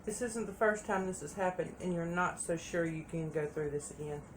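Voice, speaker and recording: A woman's voice: fairly low pitch, a little fast, slight background noise. A woman giving a casual tarot reading, chatty and repeating phrases for emphasis. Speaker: tarot reader.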